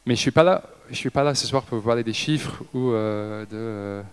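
His voice is mid-range, clear and resonant: a native English-speaking company director in his 30s from Liverpool, England, delivering a talk on an event hall stage to a seated audience. Holding a handheld mic, he speaks haltingly with many hesitations and restarts.

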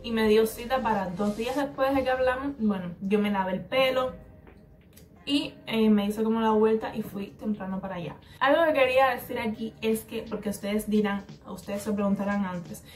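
A woman with a Cuban Spanish accent tells a rambling storytime in a loose, chatty way, slipping into the voices of the people in it. Her voice sits at an ordinary middle pitch. She is picked up a little away from the mic, with faint music running underneath. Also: normal speed. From Cuba. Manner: chatty, rambling, acts out the other person's replies. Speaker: hair vlogger. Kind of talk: casual storytime vlog. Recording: slightly distant mic with faint background music.

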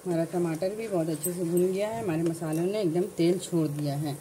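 Woman talking you through a recipe step by step, low mellow voice, faint sizzle behind. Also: fairly quick, slight background noise, rough recording. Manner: calm step-by-step instructions. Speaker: cooking channel host. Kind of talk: cooking tutorial voice-over.

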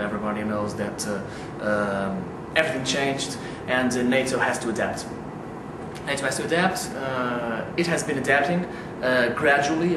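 A young man from Portugal answers an interview question with many hesitations, in an indoor room. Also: medium pitch. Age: young adult. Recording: echoey room, distant mic, loud noise.

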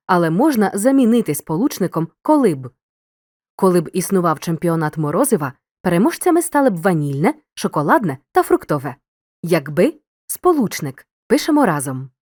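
A woman narrating a scripted grammar lesson as a teacher, giving clear instructions and speaking straight to the learner. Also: on the low side, a little mellow, no room sound, studio quality. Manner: clear didactic instruction, addresses the learner directly.

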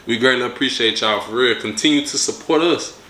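A man's voice: medium pitch, fairly quick, sharp tone, echoey room, a little hiss or hum. A young man hosting a casual vlog from a living room sofa, laid-back but hyping up his viewers. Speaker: vlog host.

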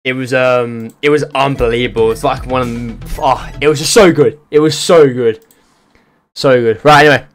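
A man's voice: medium pitch, steady tone, moderate pace, faint music behind. A man hosting a reaction video, talking casually to his chat, rambling and repeating himself.

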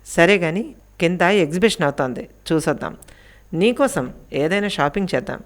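A woman voicing a self-assured, insistent young husband in a Telugu audio story, speaking in a steady, matter-of-fact way. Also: on the low side, normal speed, close to an everyday voice.

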